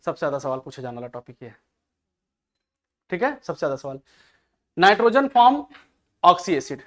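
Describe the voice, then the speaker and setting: A man's voice: sits high, fairly bright tone. A male chemistry teacher giving an exam-prep lecture. He keeps asking rhetorical questions and answering them himself, and calls his students "beta". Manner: addresses students affectionately as "beta".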